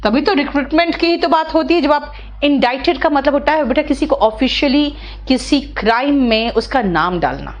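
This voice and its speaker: A woman's voice: high-pitched, animated, normal speed, few pauses, dull audio. A middle-aged woman, teaching vocabulary in an online class and coaxing her students step by step. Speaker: English teacher.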